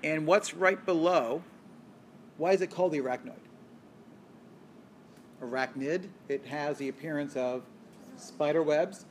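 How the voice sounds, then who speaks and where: A man's voice: fairly high pitch, a little slow, long pauses, slight background noise. Man lecturing on biology, quizzing his class. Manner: asks the class questions and answers them himself; explains step by step and corrects himself. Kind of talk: recorded lecture screencast.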